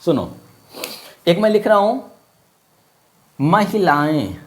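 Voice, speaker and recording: Higher-pitched male Hindi teacher. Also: sing-song, takes it slowly. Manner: asks questions and repeats words for drill; casual, friendly classroom talk. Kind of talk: online class lesson.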